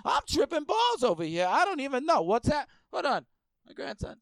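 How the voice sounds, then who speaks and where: A man's voice: very high voice, huge pitch swings, moderate pace, dry recording, studio quality, pitched above the performer's own voice, full character voice. A man voicing a rambling, spaced-out old stoner oddball making a prank phone call. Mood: exasperated, spaced-out.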